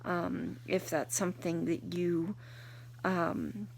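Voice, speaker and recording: A young woman giving an unscripted talk to camera, halting and hesitant, with many pauses and fillers. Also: fairly low pitch, level tone, creaky, a little hiss or hum. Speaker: video blogger reviewing a book.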